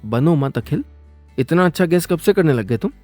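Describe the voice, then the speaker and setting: A pouty young girlfriend, touchy and quick to take offense, talking in a raised, sing-song voice, as a male storyteller puts her on. The voice is dry and close, with soft guitar music underneath in a radio story. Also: fairly high pitch, expressive, no echo, close to an everyday voice. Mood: angry.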